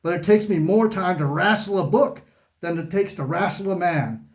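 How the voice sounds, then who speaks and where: A man's voice: high voice, normal speed. A man voicing a brash, boastful pro-wrestler persona who talks in showy wrestling trash talk while co-hosting a book chat. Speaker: co-host.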